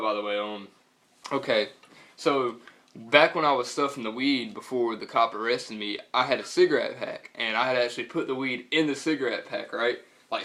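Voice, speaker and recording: A man's voice: mid-range voice, bright, forceful tone. A young man with a Southern US accent telling a story casually in a slangy, profane, rambling way. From North Carolina, US.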